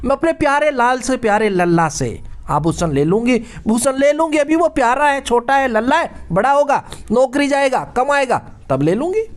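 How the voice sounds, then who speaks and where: Nagging young wife, put on by a male teacher; insistent, high singsong, comic. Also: big pitch swings, normal speed, few pauses.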